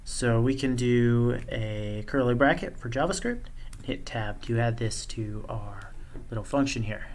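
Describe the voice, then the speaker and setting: Gravelly-voiced man walking through code. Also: mid-range voice, a little slow, slight background noise. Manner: thinks aloud, relaxed, with fillers. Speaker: coding tutorial presenter. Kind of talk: screen-share coding walkthrough.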